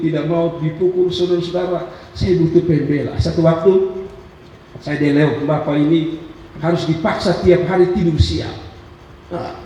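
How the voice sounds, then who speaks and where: A pastor from Rote, preaching an animated, story-filled sermon whose voice jumps high and loud in acted quotes. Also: male voice. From Rote, eastern Indonesia. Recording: echoey hall from far off, faint noise.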